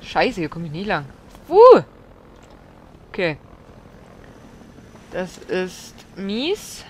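A woman's voice: lowish voice, lively intonation, slow pace. A woman giving blind let's play commentary, swearing, exclaiming and scolding the enemies aloud.

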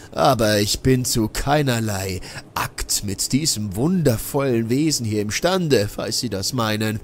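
Brief: man playing a scheming old male madman for a horror audiobook, slow, sneering, menacing delivery, drawn-out words. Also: medium pitch, slight background noise. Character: eerie old man, a scheming vengeful mad scientist.

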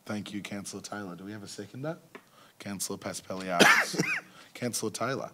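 An Australian man chairing a council meeting as mayor, brisk and procedural, with filler words. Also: on the low side, heavy background noise. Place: council chamber.

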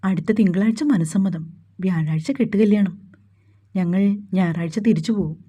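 A woman's voice: fairly low pitch, normal speed, mellow, husky. A woman voicing a cheerful, teasing young man, chatting with an old friend. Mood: chatty.

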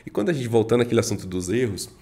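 Guy from minas gerais w that mineiro accent, kinda low voice, talks slow n laid back, lots of "né?" tags. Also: very animated, dark tone. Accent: Minas Gerais Brazilian Portuguese. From Minas Gerais, Brazil. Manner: speaks somewhat slowly, with frequent fillers and rhetorical tags. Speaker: guest, real estate broker. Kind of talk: casual podcast chat.

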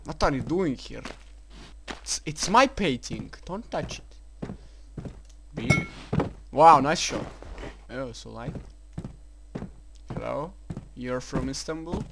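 Slow-talking man jumping into startled shouts. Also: mid-range voice, animated, creaky, noisy background. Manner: mumbled asides broken by startled swearing shouts. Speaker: let's play gamer. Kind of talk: horror game commentary. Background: loud game music.

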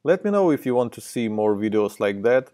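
A man's voice: medium pitch, very animated, a little fast, dark tone. A man with a Russian accent hosting a marketing tutorial, explaining steps in a friendly, plain way. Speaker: host of a marketing tutorial video.

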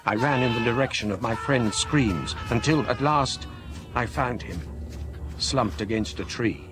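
An actor playing a scholarly middle-aged gentleman, gravely recounting a ghostly ordeal in measured literary radio-drama narration. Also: mid-range voice, lively intonation, loud music behind the voice, close to an everyday voice. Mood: fearful, urgent.

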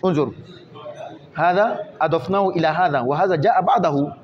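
A man with a high voice gives a grammar lesson, working patiently through example after example and checking for understanding as he goes. The recording sounds slightly dull and lo-fi. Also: brisk. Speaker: Arabic grammar teacher.

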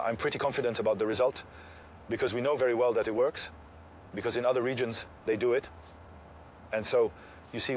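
A man's voice: mid-range voice, slight background noise. Hesitant man in stone tunnels. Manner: hesitant, trailing off. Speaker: cheesemaker. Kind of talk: casual explanation on a tour. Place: vaulted stone tunnels of an old fort.

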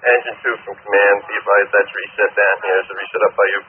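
A man, a fire officer, giving brisk, clipped reports over firefighter radio. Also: lowish voice, fairly even intonation. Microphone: two-way radio. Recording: tinny two-way radio with faint noise.

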